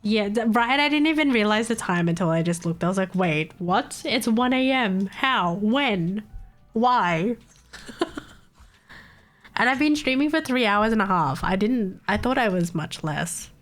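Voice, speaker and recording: A chatty woman streamer with a mid-range, animated voice talks at a measured pace during a casual late-night stream, faint music behind her. She's recovering from a cold and sounds slightly nasal, rambling, laughing often, and swearing casually.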